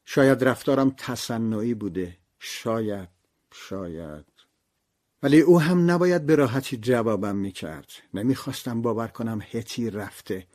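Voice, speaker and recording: A man reading a first-person memoir aloud as an audiobook, reflective, with his voice swinging between hushed and fuller passages. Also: medium pitch. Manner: reflective, with wide shifts from soft to loud. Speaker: narrator.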